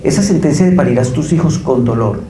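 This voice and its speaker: A man's voice: mid-range voice, lively intonation, fairly quick, warm tone, reverberant, poor audio. A man giving a religious lecture as guest speaker, telling stories with quoted dialogue.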